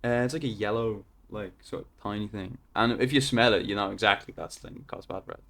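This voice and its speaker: A young man with a lowish voice talks casually as a podcast guest. He is laid-back, laughs easily and trails off into fillers. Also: brisk, a bit bright. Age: 20s. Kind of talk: casual chat.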